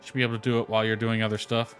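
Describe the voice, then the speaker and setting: Racing along in a fairly low, flat voice, a man gives laid-back commentary on his own game, reading the dialogue and dropping casual asides. Lo-fi music plays behind him.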